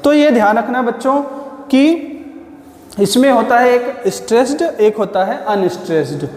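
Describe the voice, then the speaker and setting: A man's voice: very high-pitched, lively intonation, a little slow, a little mellow. Man teaching in an echoey room. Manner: asks the class questions, then answers them; addresses listeners as children, patient explaining. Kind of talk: classroom-style lecture. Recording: echoey room with long reverb.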